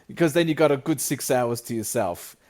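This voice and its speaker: A man's voice: medium pitch, lively intonation, brisk, a loud crowd. A man in his thirties co-hosting a movie podcast in casual, self-deprecating chat with frequent restarts. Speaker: podcast co-host.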